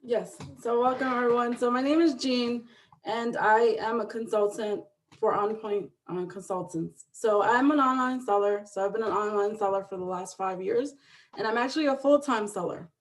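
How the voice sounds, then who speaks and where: Over a video call, a Dominican online seller gives an upbeat webinar presentation explaining things, frequently tacking on "right?" Her voice is fairly high and her pace normal.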